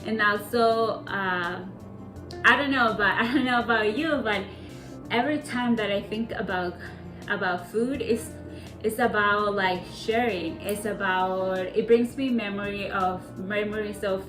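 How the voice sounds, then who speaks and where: A woman from Ecuador with a medium-pitched voice narrates a cooking demonstration in her echoey home kitchen. She contributes to the community, and her delivery is warm and reflective, full of fillers and restarts.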